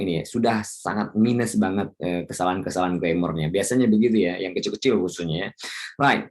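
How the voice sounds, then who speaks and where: Chatty teacher, low voice. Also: male voice, a little mellow. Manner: chatty, mixes English into explanations, laughs often. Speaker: IELTS teacher. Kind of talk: casual online lesson.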